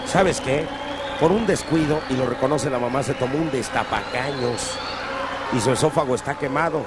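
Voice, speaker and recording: A Mexican man giving chatty, colloquial wrestling commentary with shout-outs. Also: medium pitch, moderate pace, over a noisy crowd. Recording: very noisy old TV arena recording.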